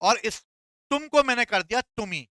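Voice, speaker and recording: A man's voice: extremely high pitch, animated, normal speed, bright, forceful tone, no echo. A male teacher giving a classroom lecture, playful and quizzing his students with call-and-response questions.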